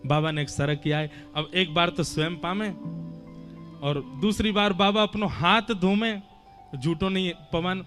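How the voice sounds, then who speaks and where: High-voiced devotional storyteller. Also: male voice, unhurried, fairly bright tone, faint music behind. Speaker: katha storyteller.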